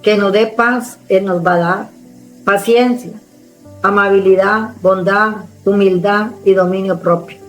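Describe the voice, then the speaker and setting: Forceful woman evangelist preaching. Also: medium pitch, fairly even intonation, unhurried, faint music behind, rough recording. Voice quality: strong, forceful speaking tone. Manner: preaches with authority, emphatic and direct. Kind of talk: sermon.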